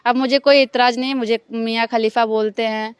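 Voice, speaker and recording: A young woman from Bihar, answering interview questions in a casual, halting way full of fillers. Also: fairly high pitch, steady tone, smooth. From Bihar, India. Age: young adult. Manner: halting, many fillers and restarts. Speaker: stage dancer, interview guest.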